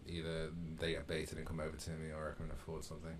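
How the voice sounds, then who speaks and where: Gaming streamer, male, deep voice, casual muttered play-by-play at a desk mic. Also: completely flat delivery, quick pace, slight background noise. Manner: muttering, thinking aloud. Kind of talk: casual gameplay commentary.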